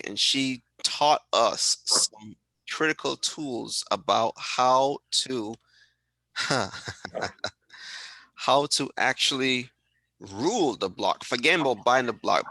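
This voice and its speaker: Mężczyzna prowadzący webinar przez połączenie wideo, mówi z kaznodziejskim zapałem i powtarza hasła dla podkreślenia. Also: male voice, medium pitch, pushed and bright, dry recording, rough recording. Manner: preachy, rallying, repeats for emphasis. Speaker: host. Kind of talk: motivational webinar hosting. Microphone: video call.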